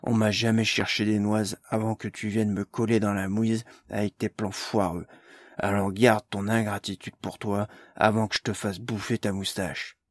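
A man voicing a big, foul-mouthed male ogre who talks gruffly, with slang and sarcasm. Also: lowish voice, level tone, normal speed, no echo, clean studio sound, natural voice.

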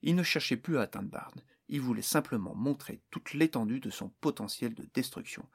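Husky male audiobook narrator. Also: mid-range voice, expressive, moderate pace. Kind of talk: scripted fantasy narration.

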